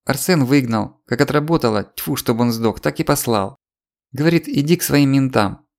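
A man raises his mid-range, fry-laden voice a little while remaining near his everyday sound to play a sly female market trader with a Ukrainian accent. Scheming and chattering, she rattles off tearful complaints with a wheedling edge.

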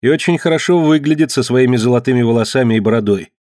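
Man putting on a shrill young cave woman. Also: fast, darkish tone, no echo, studio quality, close to an everyday voice. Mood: admiring. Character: young ragged cave woman, cowed but pleading. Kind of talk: audiobook character voice.

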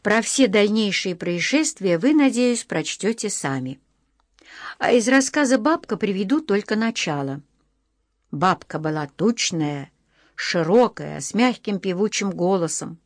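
Expressive woman reading an audiobook. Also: mid-range voice, no room sound, clean studio sound. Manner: measured and expressive, slows down for emphasis. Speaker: audiobook narrator. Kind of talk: audiobook reading of a children's book.

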